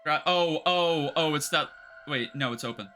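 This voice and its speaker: A man streaming a video game, reacting excitedly, swearing and reading the text aloud. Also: fairly high pitch, normal speed, soft background music. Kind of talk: casual game stream commentary.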